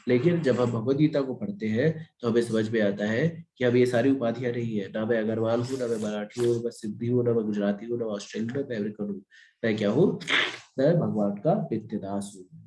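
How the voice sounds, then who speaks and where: Guy teaching a gita class, mid pitch, asks then answers himself, roomy echo. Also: a little hiss or hum. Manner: animated, asks and answers own questions. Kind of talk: devotional scripture class.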